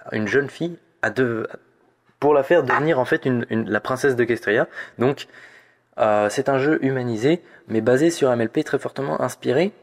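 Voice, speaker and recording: A man runs through a weekly fandom news roundup at a mid pitch. He rambles and often stops to restart a sentence. Now and then he puts on a teasing mock-dramatic tone. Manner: rambling, lots of hesitations and restarts.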